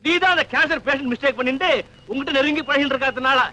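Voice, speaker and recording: A blunt, joking doctor. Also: male voice, extremely high pitch, fairly even intonation, very fast, sharp tone, low-quality recording. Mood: teasing. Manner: mocking, offhand. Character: joking, blunt male doctor who teases.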